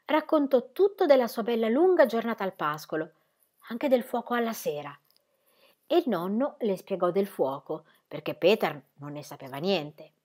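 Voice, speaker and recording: Woman reading a storybook aloud, expressive, lively rising and falling voice, narrator. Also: mid-range voice, normal speed. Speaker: reader.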